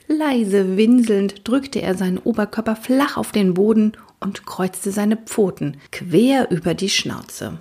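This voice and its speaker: A woman reading a children's book aloud in a soft, half-whispered storytelling voice. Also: mid-range voice, breathy edge.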